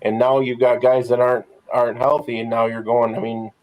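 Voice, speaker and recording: A man's voice: medium pitch, flat delivery, brisk, dull audio. Guy cohosting a sports pod, upbeat and encouraging, just chatting. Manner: enthusiastic, encouraging. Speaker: podcast co-host. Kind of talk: casual sports chat.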